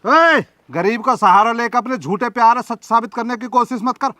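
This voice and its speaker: A man's voice: extremely high pitch, normal speed, pushed and bright, dry recording. A man playing a sweet-talking, boastful young village conman, in a village comedy sketch. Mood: mocking. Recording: music underneath.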